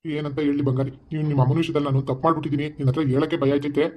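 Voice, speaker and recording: A man voicing a fearful, scheming son-in-law in an animated comedy, pleading in a flat rapid way. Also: fairly high pitch, natural voice. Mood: harried.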